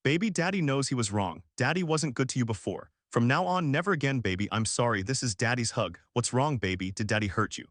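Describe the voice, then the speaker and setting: A man's voice: mid-range voice, lively intonation, fairly quick, hardly any pauses, a bit bright, no echo, studio quality, close to an everyday voice. A man voicing a remorseful young husband and father in a dubbed drama, earnest and tender. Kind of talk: dubbed short-drama dialogue.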